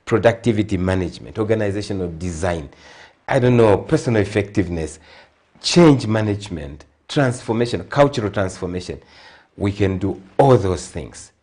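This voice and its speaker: With a fairly low pitch and moderate pace, this middle-aged Zambian-accented man speaks as a guest consultant on a TV interview. His earnestness gradually turns emphatic and animated.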